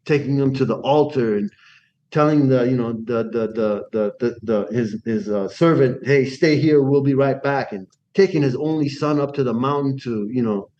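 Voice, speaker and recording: A man from Iran, the guest here, tells his life story during an easygoing interview. His mid-range voice keeps a moderate pace as he animatedly restarts sentences and performs quoted dialogue. The highs are cut off and there's a little hiss or hum.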